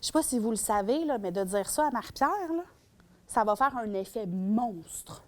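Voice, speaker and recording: A woman's voice: fairly high pitch, lively intonation, moderate pace, darkish tone. A woman with a Québécois accent giving a public lecture as a shelter worker on domestic violence. She speaks animatedly and acts out scenarios. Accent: Québécois French.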